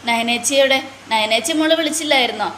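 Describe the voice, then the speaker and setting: A woman's voice: fairly high pitch, fast, a bit bright, reverberant, slight background noise, lightly acted. A woman voicing a homesick young woman away at police training, speaking in a tearful, plaintive way.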